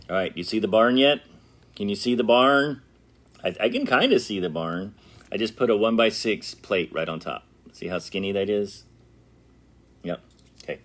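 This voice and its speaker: A man's voice: on the low side, a bit bright. A middle-aged man hosting a casual brick-building tutorial, chatting playfully and straight to his viewers as he works. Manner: chatty and playful, talks straight to viewers, hums and jokes while working. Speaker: brick-building channel host.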